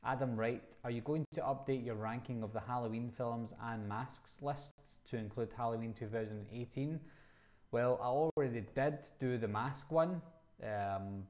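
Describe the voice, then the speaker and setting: This Glaswegian Scotsman in his thirties hosts a casual live chat, reading questions aloud and then answering them conversationally. His voice is medium in pitch and darkish in tone, and he talks at a normal speed.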